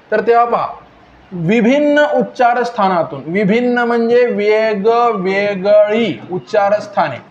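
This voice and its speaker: A man's voice: high-pitched, echoey room, muffled recording, slight background noise. A man with a Vidarbha Marathi accent teaching a grammar lesson, repeating points and quizzing his students again and again. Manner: repetitive, keeps quizzing students with questions.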